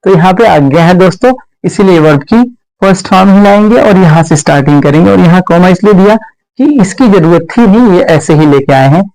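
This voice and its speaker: High-voiced Indian man teaching grammar. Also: expressive, a little mellow, rough recording. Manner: explains step by step, repeats words slowly, often says "friends". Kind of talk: classroom grammar lesson.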